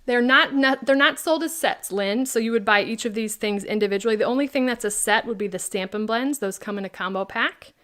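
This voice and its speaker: A woman's voice: a little high, brisk, hardly any pauses, fairly bright tone. A woman hosting a live craft product demo, chatting and answering viewers' questions by name.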